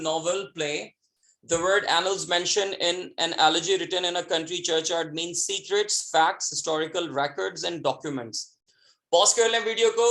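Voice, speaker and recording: A man's voice: sits high, a bit bright, roomy sound. A male teacher with a Pakistani accent, reading exam questions and options aloud and mixing Urdu with English. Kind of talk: exam solution lesson.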